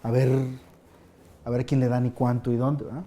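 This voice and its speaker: A man hosting a studio panel, animated and questioning, with frequent fillers. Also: mid-range voice, normal speed. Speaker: talk show host.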